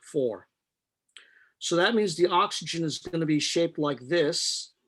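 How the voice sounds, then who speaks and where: A middle-aged man teaching a chemistry class, explaining step by step with patient jokes. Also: on the high side. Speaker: chemistry instructor. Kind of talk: live online chemistry lecture.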